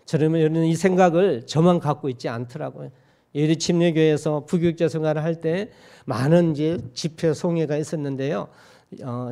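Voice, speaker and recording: A man's voice: a little high, mellow. Folksy man preaching a sermon. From Gyeongsang region, Korea. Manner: folksy, joking asides, asks the congregation questions. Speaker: pastor. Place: church sanctuary.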